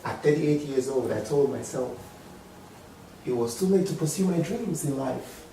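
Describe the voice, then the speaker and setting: With lively intonation at a moderate pace, a man in his 40s who has an African accent gives an audience a motivational speech, dramatic and emphatic, moving between quiet low murmurs and loud high outbursts. A far-off mic catches a very echoey hall plus a little hiss or hum.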